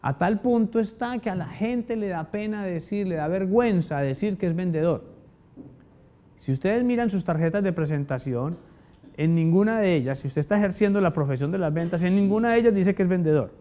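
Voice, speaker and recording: Man, sales trainer, motivational talk, rhetorical questions, somewhat high voice, dark mellow tone. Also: normal speed. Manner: animated storyteller, asks rhetorical questions.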